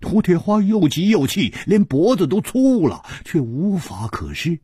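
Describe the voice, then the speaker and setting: A man narrating a martial-arts tale in traditional oral storytelling style, vivid and animated. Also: sits high, measured pace, husky, no echo, studio quality.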